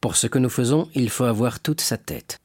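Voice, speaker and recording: A man voicing a scheming, contemptuous man in an audiobook reading, lowering his voice to a scornful mutter. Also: normal speed, creaky, darkish tone, breathy edge, no echo, studio quality. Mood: sly persuading.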